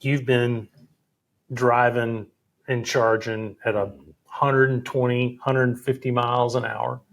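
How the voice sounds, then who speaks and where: A man's voice: medium pitch, level tone, slow, gravelly. A man hosting a podcast interview, responding with short, supportive affirmations. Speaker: podcast host. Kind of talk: casual interview.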